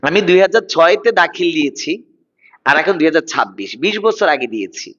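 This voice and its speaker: Man, thirties, online class teacher, repeats words to drill them, high voice, muffled recording. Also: big pitch swings, fairly quick, a bit bright. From Bangladesh. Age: 30s. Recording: dull lo-fi online class audio.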